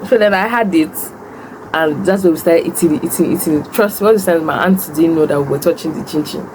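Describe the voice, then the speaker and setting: A woman's voice: low voice, a little fast, noisy background. A young woman with a Nigerian accent chats casually and tells stories while eating, answering questions as a food vlogger. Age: young adult. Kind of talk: casual mukbang chat, storytelling and answering questions.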